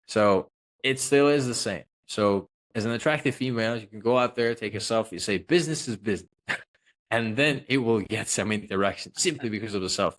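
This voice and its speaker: This Russian guest consultant specializes in social selling and talks fairly quickly in a fairly low, somewhat bright voice. He keeps the interview casual, cracking jokes, plugging himself, and leaning on lots of filler words.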